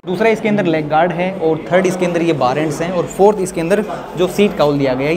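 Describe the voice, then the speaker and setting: A man with an Indian accent giving a chatty walkaround review of a motorcycle, casually dropping "yaar" as he goes. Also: fairly high pitch. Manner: chatty, peppers talk with "yaar". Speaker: motovlogger. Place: outdoors in a busy urban spot. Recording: noisy outdoor crowd background. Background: crowd and street bustle.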